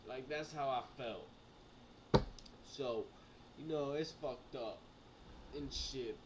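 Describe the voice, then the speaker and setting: A man's voice: medium pitch, slow pace. A young man vlogging while drunk, rambling casually like a rowdy party animal, with slangy, repetitive, stumbling, sweary talk. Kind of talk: rambling casual storytelling to camera. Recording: noisy amateur recording with clicks.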